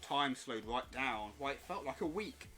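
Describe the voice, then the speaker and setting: A man's voice: medium pitch, lively intonation, moderate pace, pushed and bright. A British man playfully and expressively reading a rhyming bedtime story as a streaming parent. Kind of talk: animated rhyming storybook narration.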